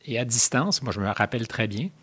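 Male host-interviewer; husky, polite, measured, formal questioning. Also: mid-range voice, expressive, a bit bright.

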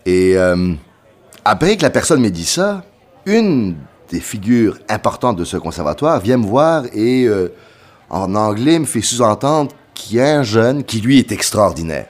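A middle-aged man with a Quebec French accent, a pianist telling a lively anecdote over a meal and voicing the people in it. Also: lowish voice, a little slow. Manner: lively storyteller, voices other people in the story. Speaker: pianist guest.

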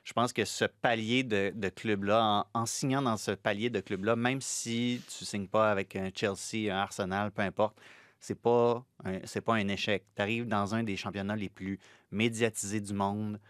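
A man with a Quebec French accent weighs in on soccer in casual panel talk. He often restarts his phrases. His low voice sounds dry and close. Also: fairly even intonation, moderate pace, fairly bright tone, smooth, no echo. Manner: restarts and hesitations. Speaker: soccer commentator.

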